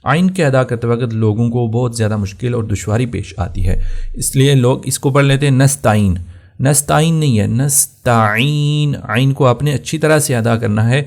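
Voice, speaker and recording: A man teaching tajweed, explaining plainly and then chanting verses slowly and drawn out. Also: medium pitch, a little mellow. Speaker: Quran recitation teacher. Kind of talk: tajweed lesson with slow chanted recitation.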